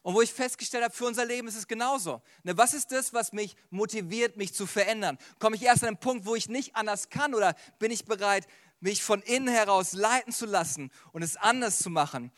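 Lively high-voiced German man preaching. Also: a little fast. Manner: lively, acts out quoted voices. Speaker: pastor. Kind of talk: sermon.

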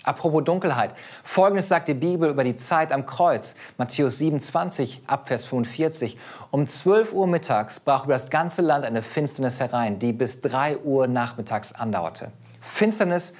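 A pastor in his thirties preaching a sermon in an earnest, expressive way, his voice rising and dropping widely in pitch and loudness. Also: moderate pace.

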